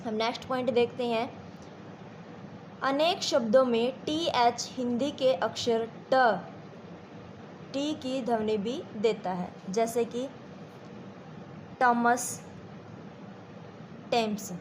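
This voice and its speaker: A woman's voice: a little high, a little mellow, slight background noise. A woman teacher with an Indian accent giving a classroom lesson, repeating points and asking the students if they follow. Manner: slow and repetitive, checks understanding with questions.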